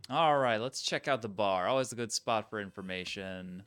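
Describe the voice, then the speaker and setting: A man's voice: fairly low pitch, moderate pace, a bit bright, clean tone. A man giving casual let's-play commentary, muttering wry reactions as he plays a video game.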